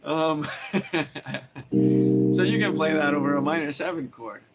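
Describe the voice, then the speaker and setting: A man's voice: on the high side, lively intonation, moderate pace, highs cut off. A man giving a casual live-stream guitar lesson, rambling and correcting himself as he explains theory and answers viewer questions. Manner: rambling, self-correcting, chatty. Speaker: guitar teacher. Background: guitar playing.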